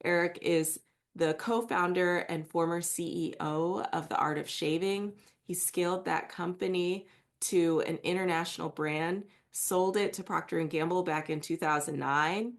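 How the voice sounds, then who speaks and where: A woman hosting a podcast interview with a slightly low voice. She asks curious, friendly questions in a relaxed conversational way. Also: measured pace. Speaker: podcast host.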